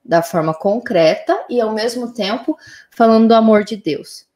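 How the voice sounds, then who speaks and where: A woman, a mother, calmly explaining her views on raising children in casual conversation. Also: on the high side, normal speed, roomy sound. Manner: calm, explanatory, frequent "né?".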